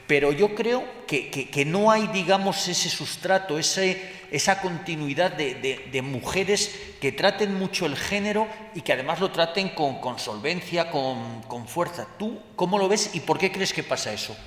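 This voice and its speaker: Halting male panel moderator in a hall. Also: on the high side, lively intonation, fairly bright tone. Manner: hesitant, many fillers and restarts. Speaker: moderator of a round table. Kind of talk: panel discussion. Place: large hall at a book fair. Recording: roomy hall with long reverb.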